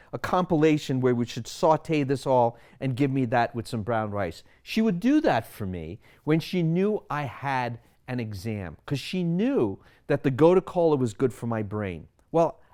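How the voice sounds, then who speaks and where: Medium-pitched and darkish, the Sri Lankan physician continues his personal monologue to camera, explaining his wellness views with frequent rhetorical questions.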